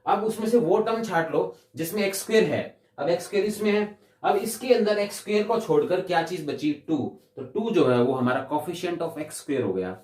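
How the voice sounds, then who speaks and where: Male maths tutor, slightly high voice, patient and repetitive, quizzes himself aloud, distant mic in a roomy space. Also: animated, a little mellow. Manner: patient, repeats definitions and asks himself questions; slows down to read English definitions word by word. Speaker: maths teacher. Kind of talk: classroom explanation. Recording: echoey room, mic at a distance.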